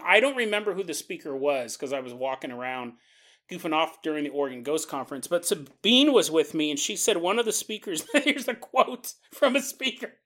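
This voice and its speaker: A man's voice: fairly high pitch, a bit bright. A man hosting a podcast, rambling through a comic monologue and often laughing mid-sentence. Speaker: podcast host.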